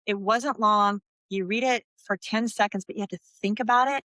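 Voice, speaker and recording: A middle-aged woman from the US West Coast, a podcast guest telling a heartfelt personal faith story and slowing down for emphasis. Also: mid-range voice, steady tone, bright, forceful tone, dry recording. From Santa Barbara, US.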